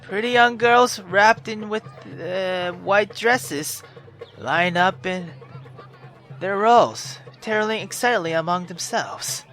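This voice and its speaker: A slow, high-voiced man reads a story game aloud with expressive, theatrical delivery while faint music plays underneath. He punctuates the narration with offhand reactions, swearing as he goes.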